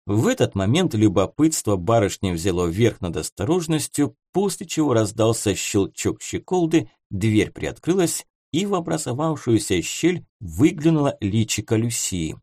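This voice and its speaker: A man reading an audiobook in an expressive storytelling way. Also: fairly low pitch, normal speed, few pauses, no echo. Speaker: audiobook narrator. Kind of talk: scripted narration. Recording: dry close studio sound.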